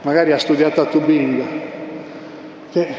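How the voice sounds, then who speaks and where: A man's voice: fairly high pitch, fairly even intonation, normal speed, a little mellow. A male preacher giving an impassioned sermon, pressing his points with emphatic repetition. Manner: impassioned, emphatic, repeats key phrases. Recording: echoey hall with long reverb, faint noise.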